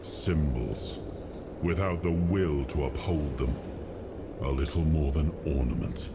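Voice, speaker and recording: Weary legendary king for a game cutscene, really deep slow voice, regal and stern, noisy ambience. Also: full character voice. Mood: brooding, grave. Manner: grave, deliberate, regal. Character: weary, proud, commanding undead king of legend. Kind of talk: dramatic game cutscene monologue.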